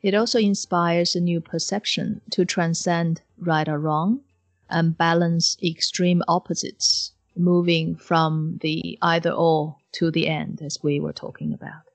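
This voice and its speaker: Female podcast co-host, slightly low and restrained in pitch movement, measured, hesitant explainer. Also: flat delivery, vocal fry, soft background music.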